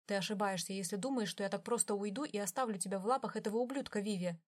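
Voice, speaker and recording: A woman's voice: medium pitch, racing, lightly acted. A woman voicing a hot-tempered young man who speaks harshly and gives commands. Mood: firm.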